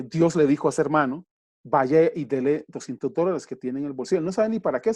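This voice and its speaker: A man preaching a sermon with a fairly high voice. He tells stories animatedly, repeating phrases for emphasis and speaking straight to the congregation. The sound is dry and close, with no room echo. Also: darkish tone. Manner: addresses the congregation directly.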